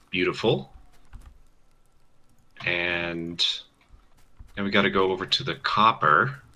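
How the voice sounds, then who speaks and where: A man's voice: deep voice, sharp tone. A man in casual chat while playing a game with his brother, wry and talking through what he is doing.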